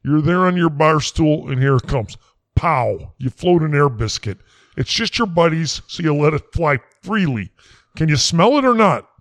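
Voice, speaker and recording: A man's voice: a little high, lively intonation, normal speed, no echo. A man playing a blustering, folksy quack doctor, rambling in a comedy sketch. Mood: lecturing. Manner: rambling, brash, folksy slang.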